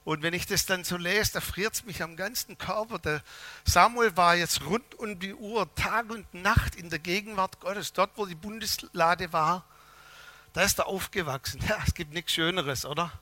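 A man delivers a sermon in a high, very bright voice, telling humorous stories with lively swings in loudness. The sound is dry and close, with no room echo. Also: moderate pace. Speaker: preacher.

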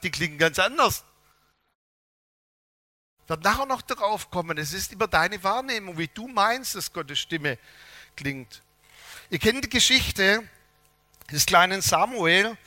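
A man preaching a sermon to a congregation, telling humorous stories in a lively way and often changing how loudly he speaks. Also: high-pitched, no echo. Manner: lively, humorous storytelling with shifts of loudness.

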